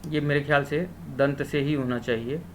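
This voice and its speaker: Guy teaching exam prep, kinda high voice, asks then answers himself, bit of background hiss. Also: steady tone. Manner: asks questions then answers them himself, drawn-out syllables. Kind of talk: exam-prep lecture solving questions.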